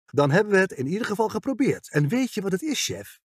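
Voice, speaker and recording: A woman's voice: medium pitch, big pitch swings, fast talker, husky, no room sound, clean studio sound, pitched above the performer's own voice. Male reader doing a breezy young female trainee cop, audiobook. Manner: breezy, worldly-wise. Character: young female police trainee, cheeky and upbeat.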